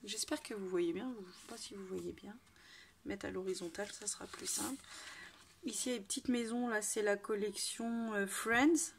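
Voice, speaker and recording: A woman's voice: medium pitch, fairly even intonation, normal speed, slight background noise. A woman giving a casual, hesitant unboxing chat with many fillers and restarts. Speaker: crafting vlogger.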